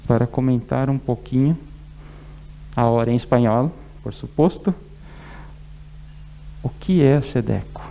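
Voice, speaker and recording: A man with a Brazilian Portuguese accent hosts a public presentation over faint background noise. His voice is very dark and gravelly, and he takes his time with a slow delivery. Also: mid-range voice. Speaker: event host introducing speakers.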